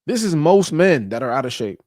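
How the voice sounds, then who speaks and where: A man's voice: a little high, sing-song, brisk, a little mellow, no room sound, studio quality. A man hosting a podcast, giving a blunt motivational talk about fitness and habits, with casual profanity and slang. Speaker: podcast host. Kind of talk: motivational monologue.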